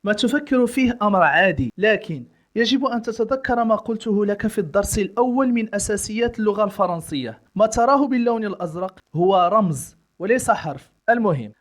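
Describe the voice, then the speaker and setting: A French teacher giving a step-by-step pronunciation lesson, repeating words syllable by syllable and explaining in quick asides. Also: mid-range voice.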